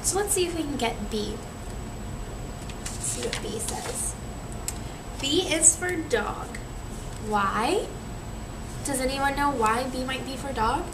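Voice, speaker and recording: Seated in a small room, a young woman reads to children from a picture book, pausing at length and moving slowly in a high voice while posing questions like a teacher. The sound comes from a camera a few metres away, with plenty of room noise.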